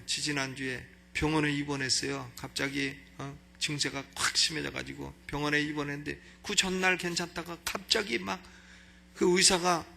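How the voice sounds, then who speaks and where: Middle-aged male pastor with a fairly high, gravelly voice, preaching in church, rising to loud exhortation between casual anecdotes. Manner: swings from shouted exhortation to chatty storytelling. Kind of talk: expository sermon. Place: church sanctuary.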